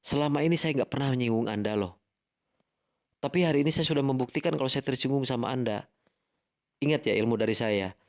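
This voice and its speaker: A man's voice: medium pitch, fast talker, long pauses, muffled recording. A man with an Indonesian accent arguing heatedly in an online voice chat, lecturing and repeating himself. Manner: angry, lecturing, repetitive "gitu loh". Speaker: live-stream voice chat participant.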